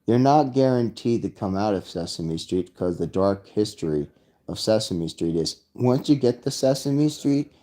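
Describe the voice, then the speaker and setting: A man's voice: lowish voice, animated, moderate pace, dark tone. A man talking in a rambling solo monologue, drifting between thoughts and slipping into quoted lines. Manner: rambling, breaks into sung lyrics and put-on quotes.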